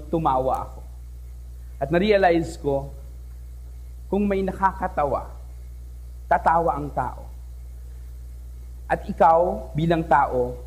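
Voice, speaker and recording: Standing at a microphone on an event hall stage, a young teacher from the Philippines delivers a playful storytelling talk, mixing languages and peppering the audience with quick questions. His husky voice sits high for a man and rises and falls a lot.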